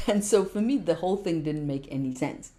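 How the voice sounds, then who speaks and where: A woman's voice: on the low side, lively intonation, normal speed, dark tone. A middle-aged woman, a meditation teacher, talking with passion as a podcast guest and repeating words for emphasis. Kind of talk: casual interview talk.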